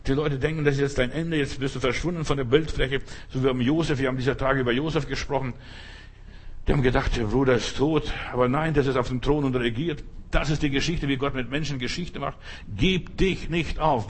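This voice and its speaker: A man's voice: mid-range voice, slightly rough. A man preaching a fervent sermon, repeating his points and calling out Hallelujah.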